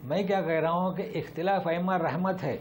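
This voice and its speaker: This male Islamic teacher, who has a high voice, teaches the Quran and answers questions. His delivery is emphatic, and he keeps circling back to rhetorical questions to hammer his point home.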